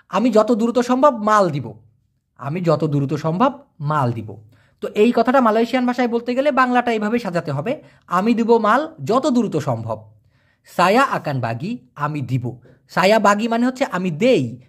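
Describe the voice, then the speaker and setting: Male language teacher, casual lesson, very animated pitch, repeats phrases slowly and translates them. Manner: repeats each phrase slowly and translates it, with a lively rise and fall.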